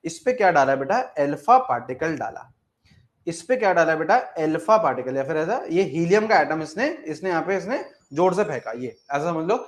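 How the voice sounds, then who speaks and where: Man, chemistry lecture, slightly raised pitch, coaxing, repetitive. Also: lively intonation, moderate pace. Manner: coaxing, repeats phrases, asks and answers students' questions himself; mixes English terms into the talk, calls students "beta". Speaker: chemistry teacher. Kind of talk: classroom lecture.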